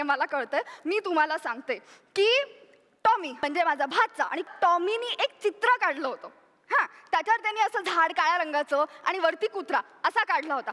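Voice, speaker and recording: A woman's voice: extremely high pitch, bright, forceful tone, heavily acted. A woman on stage playing a chatty young secretary who is always late, rambling through giggly, pleading excuses. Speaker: talent show contestant. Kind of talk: stage comedy monologue. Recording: echoey hall with audible noise.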